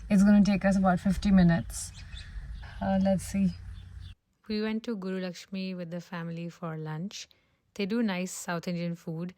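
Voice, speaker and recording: A woman's voice: fairly low pitch, little pitch movement, normal speed, warm tone, slight background noise. A woman chatting casually to her viewers as a lifestyle vlogger, upbeat and talkative. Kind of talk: casual vlog chat.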